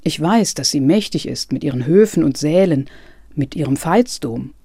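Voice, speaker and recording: A reader voicing a frail, exhausted male writer whose voice is soft and hoarse with a slight break, speaking earnestly. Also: a little high, expressive, normal speed, no echo, clean studio sound, heavily acted. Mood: weary.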